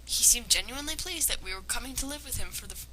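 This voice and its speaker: Soft music plays behind a woman whose higher-pitched voice is bright, forceful, animated, and fast as she gives a dramatic fan fiction reading. She breaks off for casual, sarcastic, nitpicking jabs, faltering a bit in those asides. The amateur home recording is noticeably noisy.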